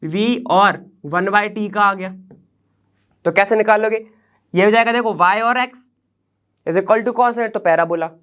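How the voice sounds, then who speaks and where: A man's voice: high-pitched, takes it slowly, long pauses, a bit bright, clean tone. A man teaching a chemistry lecture for exam prep. He talks casually, mixes in English science terms, and keeps asking rhetorical questions and checking that students follow. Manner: conversational, peppers with rhetorical questions and "okay?" checks.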